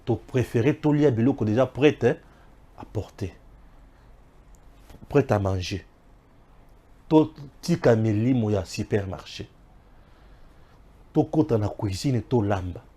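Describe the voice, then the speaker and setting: Animated Congolese man, preachy and emphatic. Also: a little slow, pauses often, breathy edge. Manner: preachy and emphatic, swinging between loud exclamations and low asides. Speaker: political commentator. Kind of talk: impassioned political talk mixing French and Lingala.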